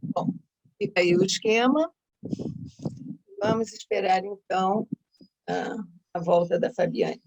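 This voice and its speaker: Woman with a gravelly, creaky voice. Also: mid-range voice, slow pace, long pauses, a little mellow, muffled recording. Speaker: conference speaker and moderator, professor. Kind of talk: academic conference talk. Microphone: video call.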